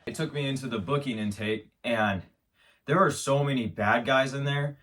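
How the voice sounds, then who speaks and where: Hosting his own show, a man delivers an absurd comedic monologue, rambling through a comic story in a mock-serious way and tripping over restarts. His mid-range voice is fairly bright at a moderate pace, recorded from a distance.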